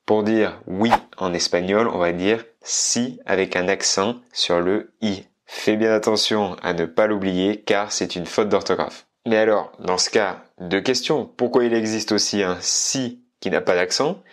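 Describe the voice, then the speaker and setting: A man's voice: fairly low pitch, a little slow, hardly any pauses. A man hosting a casual video lesson, chatting directly with the viewer and slipping Spanish phrases into his explanations. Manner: drops into Spanish phrases between French explanations. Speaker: Spanish teacher and channel host.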